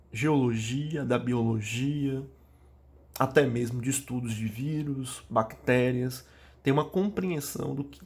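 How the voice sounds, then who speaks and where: A man's voice: mid-range voice, creaky. A man with a Brazilian Portuguese accent, teaching a recorded geography review class. He reads each question aloud and then answers it, calling out to his students and stumbling into small restarts. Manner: frequent fillers and restarts.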